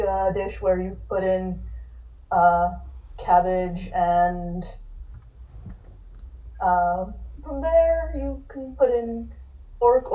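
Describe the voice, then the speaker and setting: A woman from California, a game designer, introducing herself hesitantly with many pauses. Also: medium pitch, mellow. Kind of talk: casual panel self-introduction. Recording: distant, dull lo-fi call audio.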